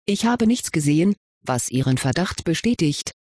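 A calm old headmaster wizard from a storybook, as the reader puts him on. He answers in a measured, reasonable way. His voice is husky and dry. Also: mid-range voice, no room sound.

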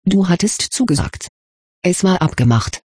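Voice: medium pitch, animated, moderate pace, a little mellow, husky, dry recording, clean studio sound. A reader voicing an angry, jealous young schoolboy who challenges an older rival, in a storybook reading. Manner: angry, hissing.

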